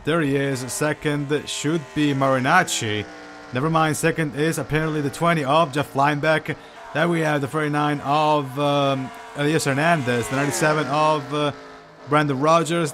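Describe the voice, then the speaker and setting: A man giving live sim racing commentary, hesitant and full of fillers, unsure of the order and bursting into excitement at incidents. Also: mid-range voice, a little hiss or hum. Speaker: race commentator.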